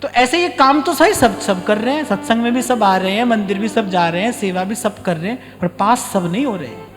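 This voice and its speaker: Male spiritual teacher, high voice, storytelling sermon in a reverberant hall with soft music. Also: lively intonation, fairly quick. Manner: storytelling, acts out short dialogues. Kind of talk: devotional discourse. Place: ashram hall.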